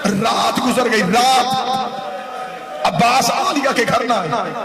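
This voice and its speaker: A man with a Pakistani Urdu accent reciting a majlis sermon, his emotional, wailing sing-song chant breaking into shouts. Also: extremely high pitch, slow pace, reverberant. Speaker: Shia cleric reciting a majlis. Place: live religious gathering. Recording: loud live crowd ambience behind voice.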